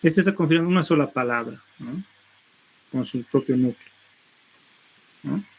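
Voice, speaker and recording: A man's voice: mid-range voice, moderate pace, creaky, poor audio. A middle-aged man teaching a university seminar, explaining step by step and tagging his phrases with a questioning "no?". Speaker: linguistics lecturer.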